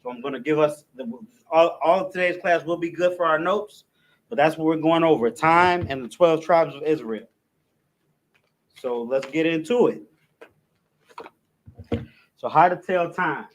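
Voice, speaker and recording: A man with a slightly high voice teaches a language class, reading an alphabet aloud one letter at a time. His delivery is halting, full of restarts and fillers, and the rough recording carries a faint hiss or hum.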